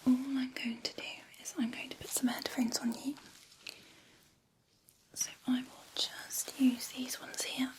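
Female ASMR whisperer, gentle, reassuring, fairly high pitch, very close mic. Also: level tone. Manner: soft, slow, reassuring instructions. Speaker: ASMR roleplay hearing examiner.

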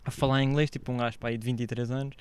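Um homem jovem com sotaque português europeu, a contar uma história numa conversa descontraída de podcast, imitando as falas dos outros com animação. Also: male voice, medium pitch, rapid-fire, clear, resonant tone, dry recording. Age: young adult. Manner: animated storytelling, acts out shouted quotes. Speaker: podcast guest telling a story. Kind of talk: casual podcast chat.

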